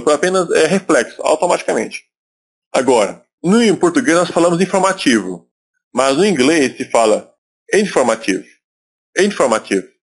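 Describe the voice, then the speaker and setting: A man's voice: fairly high pitch, vocal fry, breathy edge. A man from Brazil teaching English in a recorded video lesson, explaining step by step and repeating words for emphasis.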